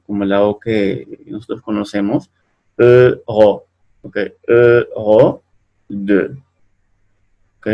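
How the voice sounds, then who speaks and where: A man teaching French pronunciation in a lesson, patient and repetitive, often checking in with the learners. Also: lowish voice. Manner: patient, repeats words slowly, ends sentences with "¿no?" and "¿bien?". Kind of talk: explaining French pronunciation to Spanish speakers.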